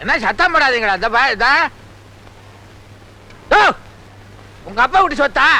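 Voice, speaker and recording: Man, film comedy, quarrelsome, sarcastic, high pitched, piercing bright tone. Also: lively intonation, a little slow. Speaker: comic actor in film scene.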